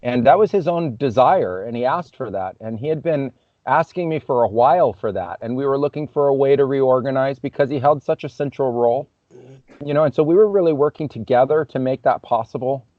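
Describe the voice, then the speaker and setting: A man guesting on a podcast tells a story in a loose, reflective way, dropping plenty of "you know" fillers. His medium-pitched voice moves fairly quickly. The audio is dry with no room sound, though slightly muffled and dull.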